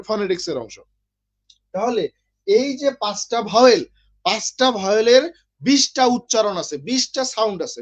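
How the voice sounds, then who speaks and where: A man's voice: sits high, dull audio. A man from Bangladesh teaching an online literature class, explaining step by step and often checking with his students.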